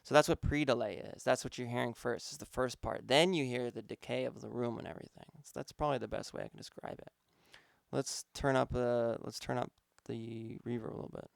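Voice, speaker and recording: A music producer casually walks through his vocal mixing steps, thinking aloud with some fillers in this informal instructional walkthrough. His medium-pitched voice is steady, a little fast, and has vocal fry. The studio sound is clean, with no room sound.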